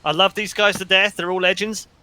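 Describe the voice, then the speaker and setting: Bright-voiced excitable man commentating. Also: high voice, fairly quick, clean tone. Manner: excitable, jokey, shouts at big plays. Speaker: game commentator. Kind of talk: esports commentary.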